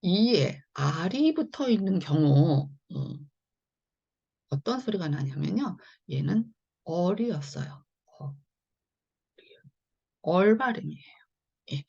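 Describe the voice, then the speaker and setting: A woman's voice: lowish voice, vocal fry. Woman doing a phonics lesson, chatty, kinda dull lo-fi sound, voice bounces around a lot. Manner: chatty, repeats "자" and "네" often, explains step by step. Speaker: English phonics teacher. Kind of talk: explanatory online lesson.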